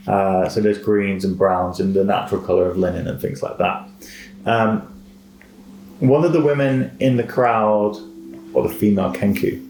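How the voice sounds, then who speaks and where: A man with a lowish voice acts as game master, telling the scene in a casual, halting way. The room is echoey, with clear noise behind him. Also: steady tone, a little mellow. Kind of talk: narrating a tabletop game among friends. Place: indoor room, in-person group session.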